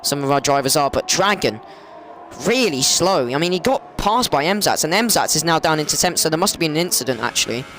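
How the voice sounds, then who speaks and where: A man calls an online racing league race in a slightly high voice. His commentary rambles, corrects itself and jumps up loud and high when cars collide. A faint hiss of background noise sits under the recording. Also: fairly quick. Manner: excitable, rambling, self-correcting, gets loud and high during crashes.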